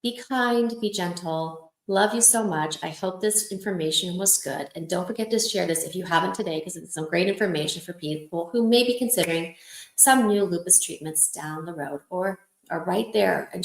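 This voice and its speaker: Woman, livestream host, lowish voice, affectionate and encouraging, personal stories, roomy echoey sound. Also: normal speed, creaky. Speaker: host of a lupus support livestream. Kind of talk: casual livestream talk.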